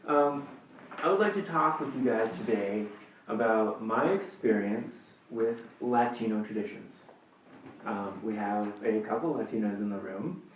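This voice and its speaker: A man's voice: lowish voice, a little slow, slight background noise. A young man giving a class presentation, hesitant, with many fillers and restarts, recorded from across the room. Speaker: student presenter. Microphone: far room recording. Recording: echoey, distant, dull classroom recording.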